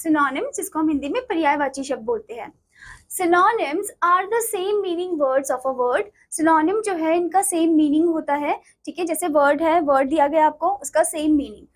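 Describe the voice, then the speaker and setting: A woman teacher reading word lists to students, speaking slowly and explaining quickly in Hindi. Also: high-pitched, poor audio. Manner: slow deliberate English, quick Hindi explanations.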